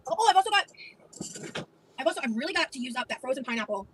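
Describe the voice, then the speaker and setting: Fast-talking bright-voiced woman. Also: high-pitched, very animated, slight background noise. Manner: chatty, rambling, talks while eating. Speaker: co-host. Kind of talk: casual chat on a livestream.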